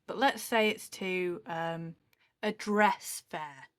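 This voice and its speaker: A woman's voice: on the low side, slow pace, no room sound, studio quality. A woman co-hosting a casual podcast, chatty and joking, a little tipsy from day drinking. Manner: chatty, swearing, joking, with fillers. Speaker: podcast co-host. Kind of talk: casual chat.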